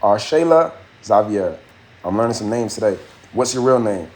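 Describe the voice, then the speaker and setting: A young man of Haitian family runs a casual livestream, chatting loosely with viewers in slang and answering their comments, then rapping his verse in a raised, rhythmic delivery. His voice sits on the low side, animated and darkish, at a moderate pace.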